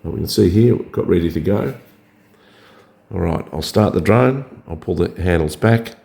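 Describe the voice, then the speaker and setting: A man with a scratchy, hoarse voice from a cold, hesitantly talking through a setup step by step. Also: deep voice, lively intonation, normal speed, mellow. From Australia. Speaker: drone hobbyist. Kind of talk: casual tutorial narration.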